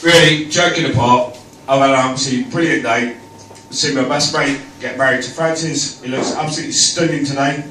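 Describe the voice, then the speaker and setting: A best man projects his mid-range voice across a room for an informal, jokey wedding toast with comic rhyming verse. His delivery is pushed, bright, a little fast, and fairly even in intonation. The echoey recording is picked up from far off and has a slight hiss or hum.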